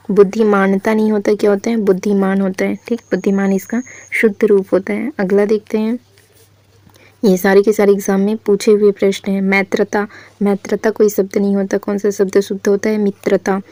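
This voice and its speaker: A woman's voice: medium pitch, warm tone, dry recording. A woman teaching an exam-prep spelling lesson, patiently asking and answering her own questions as she corrects each word.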